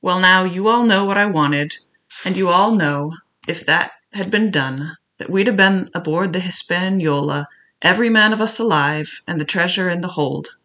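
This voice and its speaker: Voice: medium pitch, moderate pace, bright, forceful tone, muffled recording. A reader voicing a cunning old male pirate cook who mocks his crew in a sly, silky way. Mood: sly scornful. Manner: wheedling, mocking, sly. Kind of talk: audiobook character reading.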